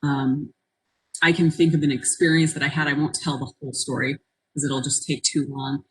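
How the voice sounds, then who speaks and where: A woman's voice: deep voice, flat delivery, moderate pace, a little hiss or hum, poor audio. A woman presenting an interactive webinar in an encouraging, reflective manner, inviting people to take part. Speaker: workshop presenter. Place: online conference call.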